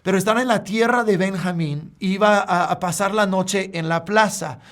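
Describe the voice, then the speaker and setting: Slow, gravelly-voiced male pastor preaching. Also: sits high, fairly bright tone. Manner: earnest, halting with frequent restarts. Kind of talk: sermon.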